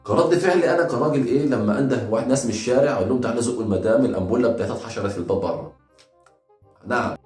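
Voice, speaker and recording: Egyptian male reaction comic, sarcastic rapid-fire delivery, roomy echo, music bed. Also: medium pitch, darkish tone. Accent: Egyptian Arabic. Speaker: comedy reaction host.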